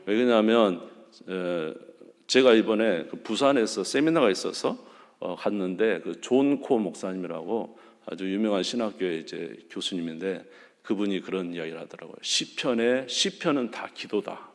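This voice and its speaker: A male pastor preaching a sermon in a church sanctuary, acting out quoted dialogue dramatically with sudden rises in pitch and loudness. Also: normal speed, vocal fry. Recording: long church hall reverb.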